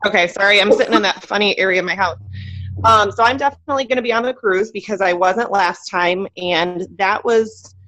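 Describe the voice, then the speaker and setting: A team leader chats upbeat on a casual video call from an odd corner of her home, full of fillers and laughs. Her voice is medium-pitched, brisk and fairly bright with no echo, and the computer mic gives dull, lo-fi call audio.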